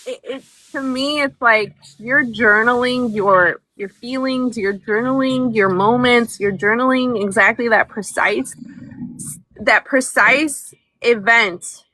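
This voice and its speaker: A woman's voice: a little high, takes it slowly, bright, forceful tone, poor audio. A woman guest chatting enthusiastically on a phone video call, laughing often. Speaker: guest artist. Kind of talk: casual video-call chat. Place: moving from indoors to outdoors.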